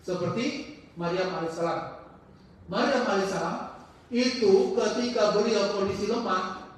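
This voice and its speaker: A high-pitched man teaches an informal religious study circle. He often stops mid-sentence to hunt for the right word, then slips into animated voices for the people in his stories. He is caught from a distance in a booming, echoey mosque hall with a faint hiss underneath. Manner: halting, searches for words mid-sentence; animated storytelling with acted-out quotes.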